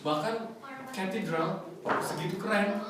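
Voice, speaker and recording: A man from Indonesia preaching a sermon in a lively, joking way, drawing call-and-response from the congregation. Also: high-pitched, a little slow, far from the mic, a crowd in the background. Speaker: pastor. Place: church fellowship hall. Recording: echoey hall, mic from afar, congregation.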